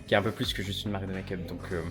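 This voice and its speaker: A man's voice: sits low, little pitch movement, rapid-fire. A man chatting casually and effusively to a vlog audience in a camp manner, as the host. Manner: chatty, effusive, camp, calling people "ma belle". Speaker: vlog host, drag performer and makeup brand founder. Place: beauty convention pop-up stand. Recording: loud music behind, vehicle noise.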